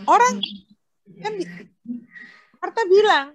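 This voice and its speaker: A young woman giving a casual online sermon to a youth group over a video call, telling the story in a lively way and acting out the dialogue. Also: very high voice, takes it slowly. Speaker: youth fellowship speaker.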